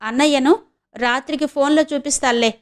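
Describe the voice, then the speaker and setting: A woman voicing a defensive, sharp-tongued grown daughter who snaps back in a raised voice in an audio novel. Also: high voice, fairly quick, pitched above the performer's own voice, close to an everyday voice.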